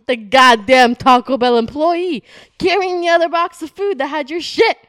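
In a high, somewhat bright voice at normal speed, a woman plays a hostile bad cop interrogating a suspect. She sounds menacing, sneering and goading, swearing and repeatedly saying "huh?", in a dry, studio-quality recording.

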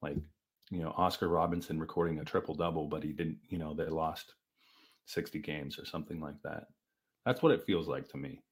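A man co-hosting a podcast, chatting casually about sports with lively restarts. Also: rumbling low. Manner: animated, fast back-and-forth with restarts. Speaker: podcast co-host.

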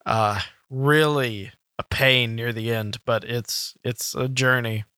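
A man hosting a casual gaming podcast, talking in a halting way with many "um" fillers. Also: mid-range voice, fairly even intonation, sharp tone, clear, resonant tone, no echo, studio quality. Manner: filler-heavy, halting delivery with frequent "um". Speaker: podcast host.

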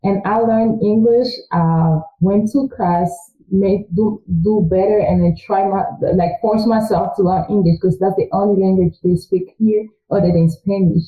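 In a casual interview, a recently graduated young woman from Congo, a native French speaker, talks earnestly and chattily, often quoting what she was thinking. Her medium-pitched voice is steady and moderately paced with few pauses, and the recording sounds tinny and phone-like in an echoey room.

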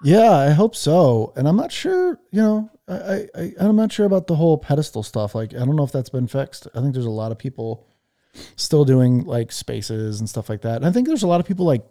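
Dark, gravelly-voiced man chatting casually. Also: on the high side, big pitch swings, fairly quick. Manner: rambling, filler-heavy storytelling. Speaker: podcast host. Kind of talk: casual chat on a live audio room.

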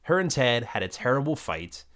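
With a mid-range, fairly bright, sing-song voice at a moderate pace, this man co-hosts a podcast and chats casually through a sitcom episode recap. He rambles as he retells the scenes, using plenty of fillers.

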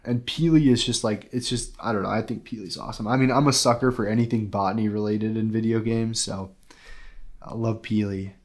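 Rambling, excitable man with a low voice. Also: a little fast. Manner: rambling, excitable, heavy on fillers. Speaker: podcast co-host. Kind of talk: casual game review chat.

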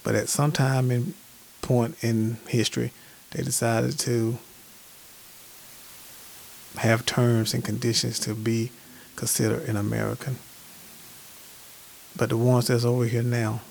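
A male podcast host with a gravelly, mid-range voice who opens with reflective rhetorical questions. He interviews his guests in a casual, conversational way. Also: mid-range voice, fairly even intonation, slow pace, pauses often, a little mellow, slight background noise.

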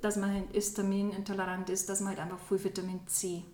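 A woman talks casually as a podcast co-host. She often agrees and stops to search for her words. Her voice sits at an ordinary middle pitch and carries a clear roomy echo. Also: little pitch movement, fast talker, a little mellow. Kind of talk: casual chat.

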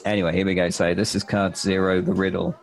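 A man's voice: sits low, little pitch movement, quick pace, gravelly, soft background music, low-quality recording. A man, a self-published author, chatting casually on a podcast, rambling with many restarts and repeated words.

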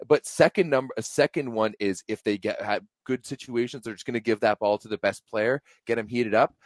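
A young man co-hosting a sports podcast, talking in a casual, animated way with many fillers and restarts. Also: medium pitch, brisk, no room sound, studio quality. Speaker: podcast co-host.

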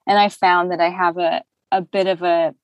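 A young woman, a voice actor, talking casually in an interview, chatty and animated with lots of fillers and laughter. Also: on the low side, moderate pace, dry recording, highs cut off.

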